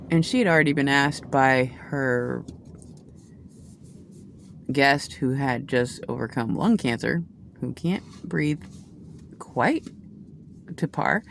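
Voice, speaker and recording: Doing a laid-back tarot reading, a deep-voiced woman chats on and on, restarting often and wandering into asides. She remarks that her voice is loud. Slight background noise can be heard.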